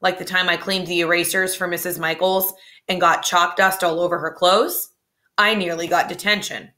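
A woman's voice: lowish voice, fairly even intonation, normal speed, pushed and bright. A woman voicing a chatty, nervous young schoolboy who rambles on. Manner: rambling, jittery talk.

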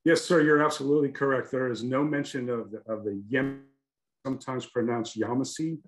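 A man's voice: mid-range voice, fairly even intonation, a little fast, rough recording. A man from the northern United States giving a lecture and answering questions on a video call, talking conversationally with many fillers. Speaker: guest lecturer, archaeologist.

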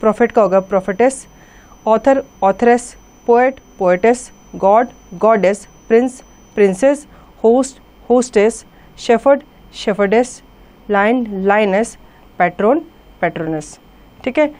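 A woman's voice: fairly high pitch, unhurried, darkish tone. A woman teacher with an Indian accent giving a grammar lesson to school children, reading word lists aloud and explaining in Hindi mixed with English.

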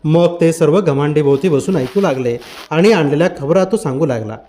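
A man reads a novel aloud in a measured, literary way. His voice sits high for a man, and he paces the descriptive passages steadily. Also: mellow, a little hiss or hum. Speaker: audiobook narrator. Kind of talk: scripted novel narration.

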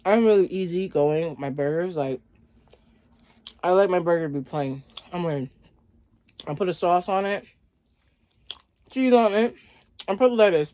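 Low-voiced woman, thirties, casual mukbang chat, chewing while talking, dry close room sound. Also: darkish tone, dry recording. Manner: conversational, frequent "like" as a verbal habit. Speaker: vlogger. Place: small indoor bedroom.

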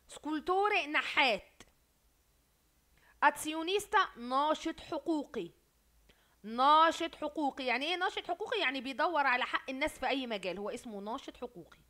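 A woman with an Egyptian Arabic accent runs an online university Italian lecture, her voice high and her delivery fast. She quizzes the students and repeats each word as she goes, heard over a video call. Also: pushed and bright.

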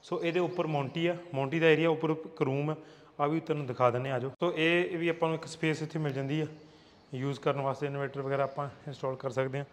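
Moving through an empty, newly built house, a Punjabi man in middle age offers tour commentary at a quick pace, steady and explanatory, slipping English words into his talk. He is a real estate agent from Punjab, India, with a somewhat high, evenly pitched voice. His lapel mic picks up lingering echo from the bare rooms.

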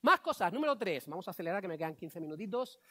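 A man from giving a conference talk, joking and animated with quick asides. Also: high-pitched. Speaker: conference speaker.

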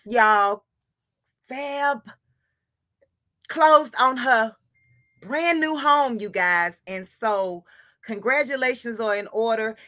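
A woman's voice: a little high, a bit bright, no room sound, clean studio sound. A woman hosting a sewing livestream, greeting viewers one by one in a chatty, laughing, scattered way and calling each one queen. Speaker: livestream host of a sewing channel.

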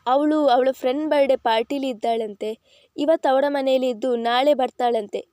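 A woman's voice: high voice, fairly even intonation, normal speed, mellow, no room sound, clean studio sound, close to an everyday voice. A woman voicing a young man who offers to go look for his older sister. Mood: relieved. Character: young son, eager and protective.

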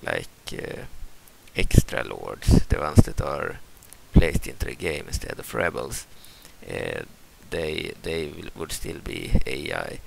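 A young man from Sweden, hosting a gaming channel, speaks slowly in a gravelly bass voice with big pitch swings. His walkthrough of a game mod is casual and hesitant, in a Swedish accent, packed with fillers and restarts. The audio is very noisy.

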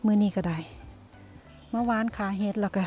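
A woman's voice: mid-range voice, fairly even intonation, moderate pace, warm tone, soft background music. A woman with an Isan accent, chatting casually to her viewers as she vlogs outdoors in the countryside. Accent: Isan (Northeastern Thai). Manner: chatty, addresses viewers as "brothers and sisters". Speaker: vlogger.

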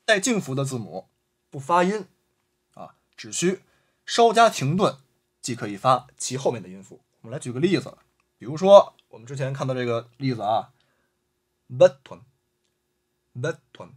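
A man's voice: medium pitch, big pitch swings, fairly quick, husky. A man teaching an online language lesson, patiently repeating example words and adding frequent filler sounds.

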